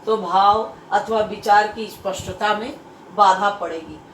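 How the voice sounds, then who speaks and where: A woman teaching a Hindi grammar lesson to children, explaining slowly and repeating each point with stressed key words. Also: mid-range voice, fairly even intonation, reverberant, distant mic, slight background noise, low-quality recording.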